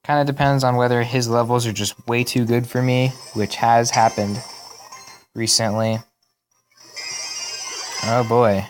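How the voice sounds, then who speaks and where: A young man giving casual, rambling commentary on a mobile game replay, correcting himself as he goes, his voice worn and going hoarse. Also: medium pitch, little pitch movement, a little slow, pauses often, soft background music, poor audio. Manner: rambling, self-correcting, chatty. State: losing his voice. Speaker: gaming channel host.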